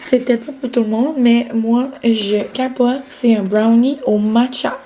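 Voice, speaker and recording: A woman's voice: on the high side, fairly even intonation, a little slow, mellow, slight background noise. A young woman chatting casually to her vlog audience, with many fillers and English words. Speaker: vlogger. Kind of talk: casual vlog chat to camera.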